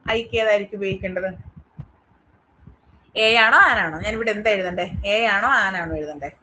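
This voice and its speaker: A woman's voice: mid-range voice, a little fast, pushed and bright, a little hiss or hum, poor audio. A woman teaching an online English class with a Malayali accent, asking her students question after question to check they follow. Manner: asks the class many quiz questions, checking understanding.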